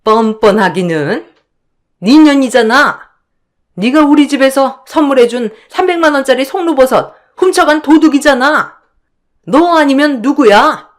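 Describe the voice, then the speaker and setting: A woman voicing an arrogant, scornful sister-in-law in a storybook drama, who keeps shouting accusations of theft. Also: fairly high pitch, lively intonation, unhurried, voice pushed up. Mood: scornful, shrill.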